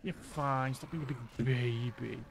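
A man giving casual live gameplay commentary with a friend, monotone and deadpan, swearing as he jokes. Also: medium pitch, measured pace, vocal fry, slight background noise. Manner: monotone, deadpan, profane joking. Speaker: video game streamer. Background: zombie game sounds.

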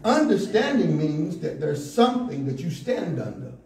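High, lively preaching man in an echoey church. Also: normal speed, distant mic. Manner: rhythmic call-and-response preaching, building to shouts. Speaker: pastor. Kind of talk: sermon. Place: church sanctuary, indoors, at a pulpit. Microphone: stand mic at the pulpit, filmed from a far camera. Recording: echoey church room, heard from afar.

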